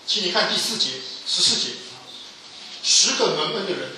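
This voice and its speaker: A man's voice: lively intonation, normal speed, distant mic, a little hiss or hum. Man preaching in an echoey hall. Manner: emphatic, rising to loud pleas then dropping low. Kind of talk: sermon.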